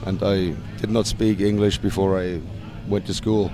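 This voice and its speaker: A punk band singer with a German accent answers interview questions hesitantly, often restarting and laughing softly. His voice is low-pitched and level, at a moderate pace.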